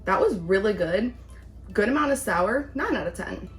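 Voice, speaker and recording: A woman's voice: medium pitch, expressive, normal speed, faint music behind. A woman chatting casually as she reviews things in a taste-test vlog. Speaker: vlog host, candy reviewer.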